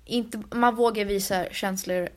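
A young woman in casual chat, animatedly telling stories and acting out what people said. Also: medium pitch. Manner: animated storyteller acting out quotes.

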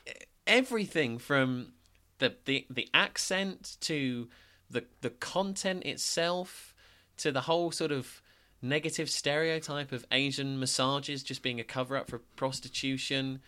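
A man's voice: mid-range voice, pushed and bright. Exasperated male podcast co-host. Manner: exasperated, stumbling. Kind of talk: casual podcast chat.

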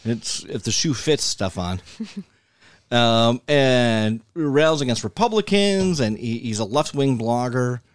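A man's voice: mid-range voice, animated, slow, no echo. A man co-hosting a casual podcast, blunt and ranting, laughing often. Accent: Buffalo, New York. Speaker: podcast co-host. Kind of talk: casual comedic podcast chat.

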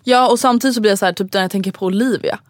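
A woman's voice: mid-range voice, no echo. Chatty woman in her twenties, dry sound. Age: 20s. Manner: chatty, swears casually, animated. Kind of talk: casual chat.

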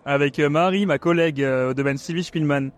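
A man chatting in a relaxed, offhand way during a casual interview, swearing now and then. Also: a little high, a little fast.

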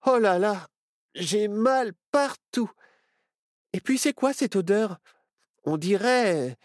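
A woman voicing a confident, bubbly young girl witch in a storybook, with a lively, boastful manner. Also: medium pitch, takes it slowly, dry recording, studio quality. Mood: complaining.

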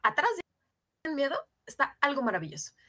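Earnest woman, co-host, higher voice, encouraging. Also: very animated, a little fast, sharp tone. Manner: earnest, encouraging, advice-giving. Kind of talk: casual conversation about parenting.

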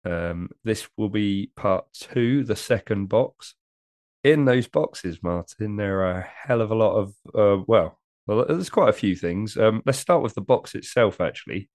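Croaky-voiced man with a cold, chatty. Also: on the low side, expressive, unhurried, darkish tone, dry recording, studio quality. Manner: chatty, laughs often, with many fillers. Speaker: podcast co-host. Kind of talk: casual chat.

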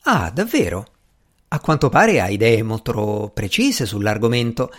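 A proud young magician talks in a dry, sardonic way, as a male reader gives him voice. His pitch moves freely and animatedly. It is a storybook reading. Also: sing-song, unhurried. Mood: scornful.

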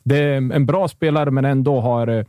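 A man with a dark, mellow voice, talking football in a loose podcast chat. He is emphatic and rambles, circling back and restarting his sentences as he goes. His delivery is close and dry. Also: medium pitch, steady tone, smooth, dry recording. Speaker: football pundit.

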